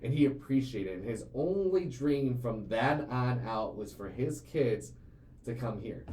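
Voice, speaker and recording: With a roomy echo and faint ambient noise behind him, a late-twenties CEO chats casually on the business podcast he hosts. His mid-range voice is dark, expressive and measured in pace, and his earnest talk runs long and rambling, thick with fillers and repeated words.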